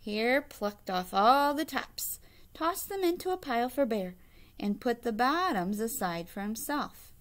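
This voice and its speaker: Slow, expressive woman reading a storybook. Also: a little high. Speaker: teacher reading aloud. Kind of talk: expressive children's storybook read-aloud. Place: indoor classroom.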